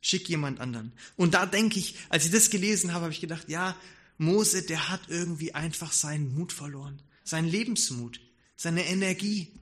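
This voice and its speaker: A man's voice: a little high, moderate pace, fairly bright tone. A man preaching a conversational sermon in an informal, musing way. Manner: informal, musing, acts out quoted speech.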